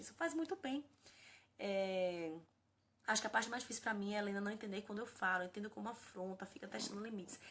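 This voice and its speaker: A woman in her thirties from Brazil, a parenting educator chatting casually on a phone live stream and answering viewers by name. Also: on the high side. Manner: warm, earnest, addresses viewers by name and as "gente".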